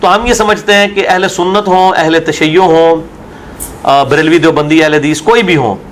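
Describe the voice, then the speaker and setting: A man's voice: a little high, fairly even intonation, normal speed, a little hiss or hum. A man, a religious scholar arguing his view in an interview and asking rhetorical questions. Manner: argumentative, full of rhetorical questions.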